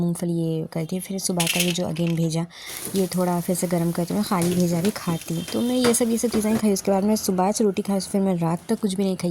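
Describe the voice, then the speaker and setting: A young woman talks through her vlog in a relaxed, rambling voice-over, easily slipping English words into her speech. Her voice is mellow and soft-edged, and there is a faint hum of room ambience behind her. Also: medium pitch. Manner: chatty, rambling, mixes English words into Hindi. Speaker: vlogger. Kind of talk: casual voice-over narration of a day vlog.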